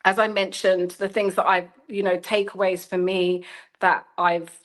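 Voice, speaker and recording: Her delivery flat, her voice mid-range, her pace moderate, this China-based journalist and storyteller in her thirties is a guest in an interview. She thinks aloud, searching for phrasing, frequently restarting and saying "you know."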